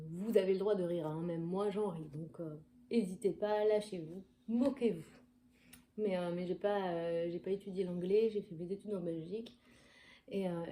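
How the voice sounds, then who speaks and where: A woman's voice: medium pitch, mellow, echoey room. A woman chatting casually in a book haul video, digressive and full of hesitations, reading book blurbs aloud. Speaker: book vlogger.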